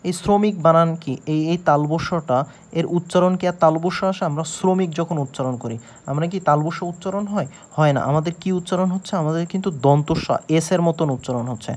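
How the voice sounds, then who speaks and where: Slow-explaining male teacher. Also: on the high side, a little mellow. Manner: slow, explanatory, with many pauses and fillers. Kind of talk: grammar lesson.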